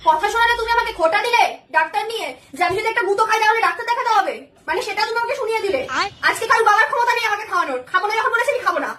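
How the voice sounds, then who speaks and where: A woman's voice: very high voice, lively intonation, rapid-fire, distant mic, crowd noise. A woman playing a huffy, melodramatic young wife. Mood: indignant. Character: sulking, touchy young wife, dramatic and self-pitying. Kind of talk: comic sketch acting. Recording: echoey room, off mic, background noise.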